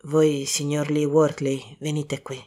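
A calm, grave older detective, as a woman narrator puts him on, with a lowered, hushed voice. He talks in slow, measured phrases and stays quiet and serious. The voice sits a little deeper than her own reading voice.

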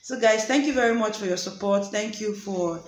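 A woman's voice: mid-range voice, normal speed. A woman hosting her own channel, talking casually with many fillers and restarts. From Nigeria. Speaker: vlogger and host. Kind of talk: casual chat. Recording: echoey room with faint noise.

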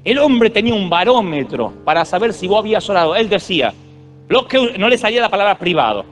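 Argentine guy in his 30s preaching, jokey rambly stories, high voice. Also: big pitch swings, fast talker, a bit bright, faint music behind. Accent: Argentine Spanish. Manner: storytelling, digressive, jokey. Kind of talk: humorous sermon.

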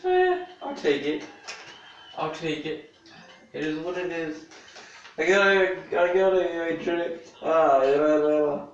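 A man's voice: a little high, fairly even intonation, unhurried, dull audio, slight background noise. A man giving casual commentary while playing a board game on screen, chatty, singing along and swearing freely. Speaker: gaming video creator. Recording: very echoey, from far off the mic, loud music behind.

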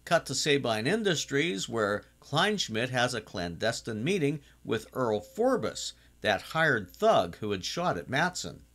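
An older man talks through a TV episode in a relaxed, chatty recap, and his mid-range voice rises and falls a lot. He now and then bursts into animated exclamations, and the whole thing sounds casual and personal rather than scripted. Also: mid-range voice, measured pace, few pauses. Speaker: TV series reviewer.

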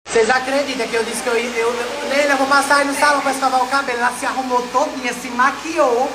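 A woman's voice: high voice, steady tone, fast. Chatty Northeastern Brazilian woman vlogger. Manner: chatty, teasing, effusive. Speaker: social media vlogger. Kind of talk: casual chat to followers. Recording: noisy phone recording.

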